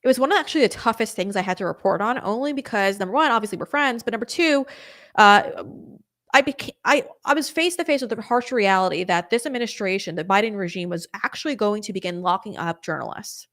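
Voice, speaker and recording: A young woman hosting a live stream, chatting casually and rambling through viewer comments with quick apologetic asides. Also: medium pitch, expressive, fairly bright tone. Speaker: host of a political live stream.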